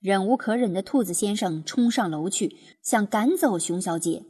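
A woman narrating a children's storybook in an expressive, lively storytelling manner. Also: medium pitch, moderate pace, breathy edge. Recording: music playing behind.

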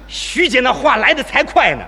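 A man performing live crosstalk comedy as the lead teller, boastful and sly in his quick patter. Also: very high voice, sing-song, creaky, pushed and bright, breathy edge. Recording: live stage recording in a hall.

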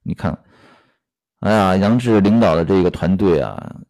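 This man has a deep, darkish voice and speaks a little slowly. He serves as storyteller and commentator, retelling a scene from a classic novel with workplace commentary, and keeps dropping in fillers and rhetorical questions.

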